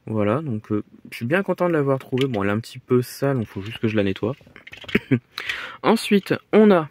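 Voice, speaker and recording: A man talks casually to the camera at a middle pitch, stopping often and filling the gaps with ums and repeated words. Faint background noise sits under his voice. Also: sing-song. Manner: halting, filler-heavy, repeats "très, très" and "voilà". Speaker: vlogger showing model car finds. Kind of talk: casual vlog commentary. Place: flea markets and indoors at home.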